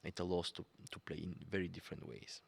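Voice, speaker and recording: Deep, gravelly-voiced male pianist. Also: level tone, fast talker, a bit bright. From Bulgaria. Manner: searching for words, many fillers. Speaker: guest pianist. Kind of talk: conversational interview.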